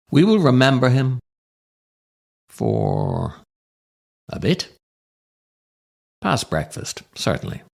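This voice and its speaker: With a low voice and vocal fry, a man performs his own scripted comic writing as a podcast host. His delivery is wry and theatrical, shaped by deliberate dramatic pauses.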